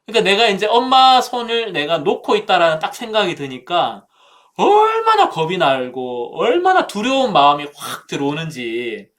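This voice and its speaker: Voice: mid-range voice, wildly swooping pitch, normal speed, fairly bright tone. A speaker at a Bible seminar telling a childhood story in a Bible talk, using vivid sound words and addressing listeners directly.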